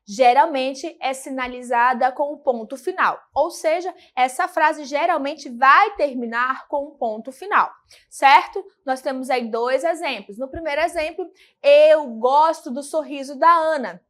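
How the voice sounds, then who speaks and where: Female teacher from Brazil, high pitch, didactic and patient, recorded lesson delivery. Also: measured pace, fairly bright tone. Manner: didactic, asks and answers her own questions.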